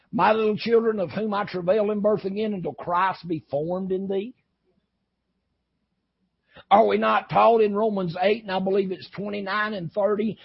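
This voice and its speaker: Gravelly high-voiced preacher. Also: male voice, muffled recording. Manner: impassioned, swings from shouting to low intensity. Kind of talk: fiery sermon.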